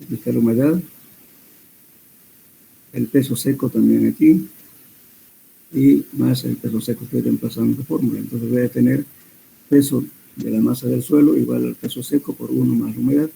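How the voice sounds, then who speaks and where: Un hombre que da una clase de mecánica de suelos, explicando cálculos paso a paso con muletillas y correcciones. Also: male voice, medium pitch, normal speed, vocal fry, pauses often, slightly rough, low-quality recording. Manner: steady explanatory teaching with hesitant fillers and self-corrections. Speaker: soil mechanics lecturer. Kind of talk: classroom lecture.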